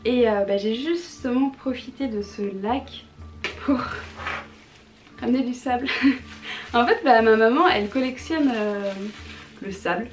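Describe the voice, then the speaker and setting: A woman's voice: a little high, a little slow, long pauses, soft background music. A woman chatting enthusiastically in a casual haul vlog, with lots of fillers and restarts. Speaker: vlogger showing purchases.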